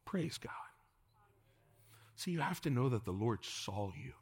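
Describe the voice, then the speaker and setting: A man preaching a sermon to a congregation in a church, dropping to hushed whispers and rising to urgent calls, and leading the room in call-and-response. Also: medium pitch, very animated, measured pace, slightly rough. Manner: swings from hushed whispers to raised exhortation, calls the congregation to repeat. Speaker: pastor.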